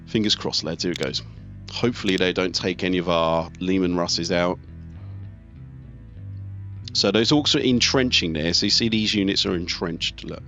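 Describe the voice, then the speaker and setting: Over video game music, artillery fire and rumbling vehicles, a man hosts a let's play, casually narrating the action and reasoning out his tactics as he goes. He has a low voice with a fairly bright tone, though the audio sounds dull.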